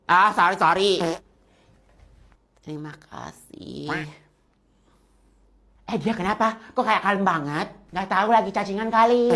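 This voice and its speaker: A young woman acting out a loud, teasing comedy sketch in which she mocks a soft-spoken classmate. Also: mid-range voice, measured pace, long pauses. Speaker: sketch performer. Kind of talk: comedy POV sketch, playing several schoolgirls.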